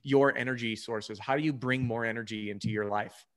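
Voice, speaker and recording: A man's voice: medium pitch, fairly even intonation. Enthusiastic male interview host. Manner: enthusiastic, talkative, quick asides.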